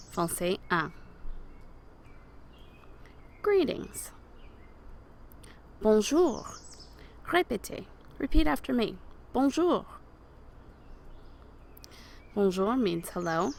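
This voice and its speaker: A woman teaching a beginner French lesson, patiently explaining and modeling words slowly for learners to repeat. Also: mid-range voice, animated, creaky, slight background noise. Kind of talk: recorded language lesson over slides.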